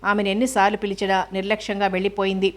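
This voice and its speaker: Woman reading a novel in a flat, even voice. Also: medium pitch, very fast. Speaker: novel narrator. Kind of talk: scripted audiobook narration.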